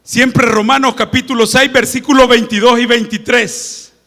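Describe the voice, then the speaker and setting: A male preacher giving a joking Sunday sermon and reading scripture, swinging from loud proclamations to hushed asides. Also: extremely high pitch, steady tone, moderate pace. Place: church sanctuary. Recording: long church-hall reverb.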